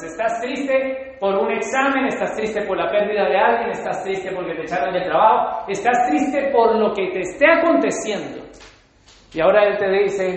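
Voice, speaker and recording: A man preaching a sermon, emphatic, swinging between loud and soft delivery. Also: very high-pitched. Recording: heavy reverb of a large hall.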